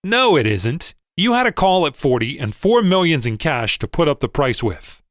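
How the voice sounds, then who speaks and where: A man playing a furious, shouting stock trader. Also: a little high, big pitch swings, normal speed, dry recording, studio quality. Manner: shouting, indignant, sputtering. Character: furious small middle-aged male stock trader.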